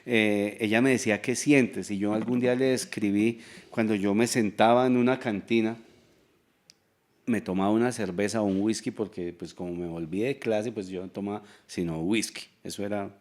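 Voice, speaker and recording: Man, fairly deep voice, candid personal testimony, unhurried confessional talk. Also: steady tone, a little mellow. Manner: reflective, confessional, with hesitant restarts. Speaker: testimony guest. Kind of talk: casual spoken testimony.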